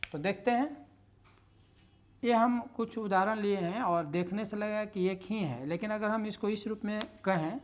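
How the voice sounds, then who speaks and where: Woman, teacher explaining grammar at an even mid pitch, leans hard on key words. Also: slight background noise. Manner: explains slowly, stresses words in examples; self-correcting, conversational asides. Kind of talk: Hindi grammar lesson.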